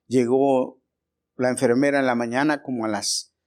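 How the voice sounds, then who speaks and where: A man's voice: medium pitch, fairly even intonation, normal speed. A male pastor giving a storytelling sermon, addressing the congregation as brothers and growing emphatic as he preaches. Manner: personal anecdote, addresses congregation as brothers, grows forceful and emphatic.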